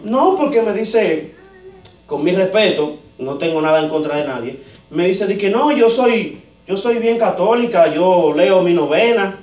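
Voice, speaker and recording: A man's voice: sits high, lively intonation, measured pace, a little mellow. A man preaching a sermon, telling a story and acting out both sides of a conversation. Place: church sanctuary. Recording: echoey church, mic far off.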